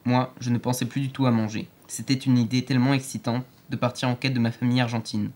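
A man reads an audiobook aloud in a clear, steady storytelling manner. His voice sits in a middle range for a man. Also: medium pitch, fast talker. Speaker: narrator. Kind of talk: audiobook narration.

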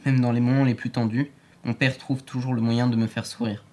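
A man reads an audiobook aloud in a clear, steady storytelling manner. His voice sits in a middle range for a man. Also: medium pitch, brisk. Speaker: narrator. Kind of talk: audiobook narration.

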